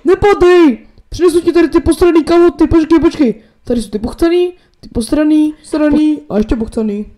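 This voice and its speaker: A woman voicing a clumsy, excitable male handyman in a comedic fan dub, shouting and cursing. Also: high voice, background noise, close to an everyday voice.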